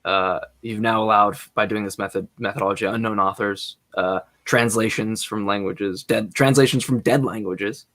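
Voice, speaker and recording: A man with a fairly low voice co-hosts a casual podcast. He reasons aloud, hesitating and restarting his sentences as he goes. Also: fairly even intonation, normal speed, hardly any pauses, fairly bright tone. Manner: thinks aloud, hesitant, many restarts and fillers. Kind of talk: casual debate podcast chat.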